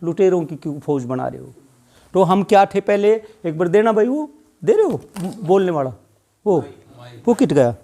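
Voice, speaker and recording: Guy around 60, high voice, fiery speech, keeps firing rhetorical questions at the crowd. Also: big pitch swings, moderate pace, mellow. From Haryana, India. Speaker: retiring speaker at a Buddhist gathering. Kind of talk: impassioned public speech. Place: Buddhist temple gathering.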